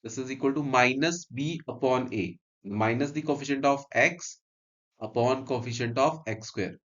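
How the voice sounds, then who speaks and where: A male teacher with an Indian accent explains things in a mid-pitched voice. He moves step by step between English and Hindi, repeating phrases and checking that learners follow. The recording is dull and lo-fi. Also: moderate pace. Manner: instructive, repeats phrases, checks understanding with short questions. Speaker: maths teacher.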